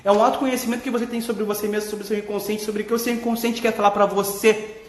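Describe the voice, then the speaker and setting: Gaucho therapist guy vlogging, blunt and expressive, swears a lot, roomy echo. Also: sits high, fast talker. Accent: Gaúcho Brazilian Portuguese. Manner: candid, expressive, swears freely, laughs while talking. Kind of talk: casual vlog talk. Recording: echoey room.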